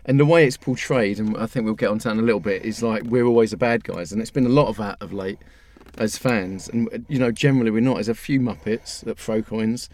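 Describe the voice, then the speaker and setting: A man's voice: on the low side, fast, few pauses, darkish tone. A man in casual football chat, hesitant, weighing both sides of the issue. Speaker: football fan pundit.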